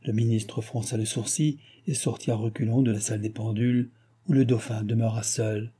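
A man narrating a classic novel as an audiobook in a calm, measured storytelling voice that is husky. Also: on the low side.

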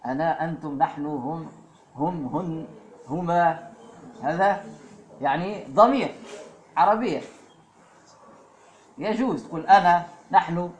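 Man, religious lesson, roomy echo, faint background noise. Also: fairly high pitch. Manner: fillers and asides, slows to recite verses. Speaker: preacher. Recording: echoey room with faint ambience.

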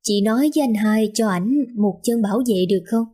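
A woman's voice: medium pitch, fairly quick, dark tone, breathy edge, lightly acted. A woman voicing a flustered aunt who coaxingly asks a favor for her husband. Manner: coaxing and pleading.

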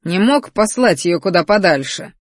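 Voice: mid-range voice, animated, moderate pace, dry recording, clean studio sound, natural voice. The narrator voicing a grumbling, sardonic male lizard spirit who lives inside the hero. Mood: angry. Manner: growling, sardonic.

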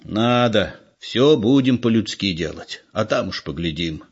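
Man voicing a crafty old countryman, gruff and lively, dull recording. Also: lowish voice, unhurried, full character voice. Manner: gruff, sly, folksy.

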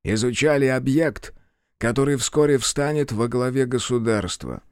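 A man voicing a gruff, short-tempered male general in his seventies who speaks slowly and barks orders in an audiobook. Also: medium pitch, a little mellow, dry recording, clean studio sound, close to an everyday voice. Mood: stern. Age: 70s. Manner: slow, clipped, barking orders.

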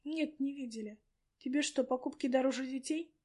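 A woman's voice: high voice, brisk, darkish tone. Woman reading judgmental old grannies, scolding, disapproving, storybook. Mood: scornful. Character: grumbling judgmental old women at a checkout.

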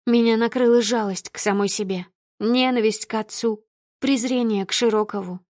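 A woman's voice: on the high side, fairly even intonation, normal speed, a little mellow, no echo, clean studio sound. A woman narrating an audiobook in the first person with intense, emotional reading.

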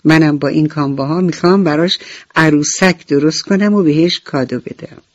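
A woman telling a bedtime story on radio, talking gently and addressing the children directly. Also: low-pitched, no echo. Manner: gentle, talks warmly to children. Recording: dull radio recording with faint music.

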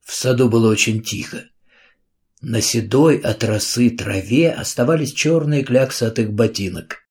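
A man narrating a children's book in a calm, even storytelling manner. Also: medium pitch, moderate pace. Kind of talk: audiobook narration.

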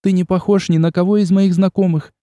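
A man's voice: sits high, level tone, brisk, no echo, pitched above the performer's own voice, lightly acted. A male audiobook reader voicing a proud, fiery young noblewoman who speaks haughtily and sharply. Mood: tearful. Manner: haughty, sharp and tearful by turns. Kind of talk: audiobook character voice.

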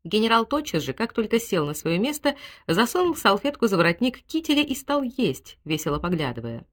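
Выразительная чтица аудиокниги. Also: female voice, medium pitch, big pitch swings, brisk. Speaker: audiobook reader. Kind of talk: scripted narration.

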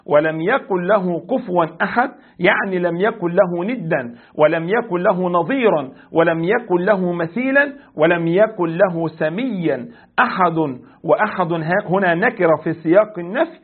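A man with an Egyptian Arabic accent teaching a religious lesson as a sheikh. He explains slowly, recites verses and quizzes his class. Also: high voice, slightly rough, narrow, tinny audio. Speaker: sheikh teaching a creed text.

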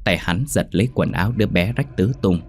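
Deep-voiced male horror storyteller. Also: animated, a little fast, a little hiss or hum. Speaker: narrator. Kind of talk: first-person horror story narration. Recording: faint background music.

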